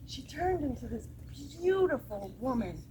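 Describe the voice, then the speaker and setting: Slow, playful woman telling a camp story. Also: a little high, slight background noise, rough recording. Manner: animated, laughing, playful. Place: camp chapel gathering with audience.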